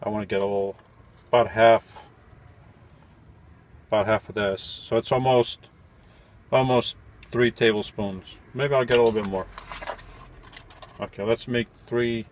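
This man in his forties makes coffee on camera for his van-life vlog, inside a small cluttered van after dark. His voice sits on the low side with a steady tone, measured pace and long pauses, over a little hiss or hum. The talk is a casual how-to, thought out loud with self-corrections and mild puzzlement.

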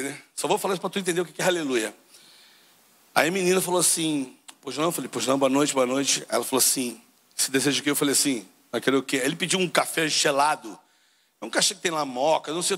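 A middle-aged Brazilian preacher with a Carioca accent delivers a sermon as a lively story. His voice sits high and sounds bright and forceful. He acts out each character's lines and keeps turning to the congregation as brothers. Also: big-room sound. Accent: Carioca Portuguese. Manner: storytelling, acts out dialogue, addresses crowd as brother.

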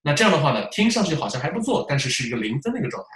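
A man teaching test preparation in a lecture style, animated, asking rhetorical questions and demonstrating examples aloud. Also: fairly high pitch, very fast. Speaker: English test prep teacher. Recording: roomy echo.

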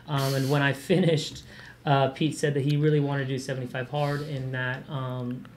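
A man's voice: mid-range voice, level tone, normal speed, slight background noise. A young man hosting a podcast in a loose, chatty way, swearing freely and laughing easily. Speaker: podcast host. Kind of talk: casual podcast chat.

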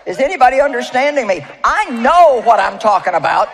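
A woman's voice: a little high, big pitch swings, brisk, a little hiss or hum, low-quality recording. A woman preacher giving a sermon to a live audience, emphatic and storytelling, often asking the crowd rhetorical questions. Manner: storytelling with personal anecdotes.

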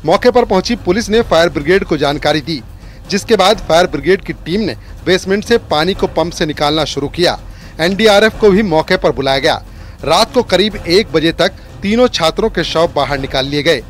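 A man reading a scripted news report as a voice-over in a steady, formal manner. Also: a little high, normal speed, a little hiss or hum.

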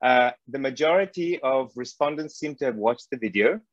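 Speaking at a normal speed with an expressive, medium-pitched voice, a South African guest lecturer in his thirties delivers a casual online talk, hesitant yet wry. There's no echo, though the video call audio through his wireless earbuds sounds muffled.

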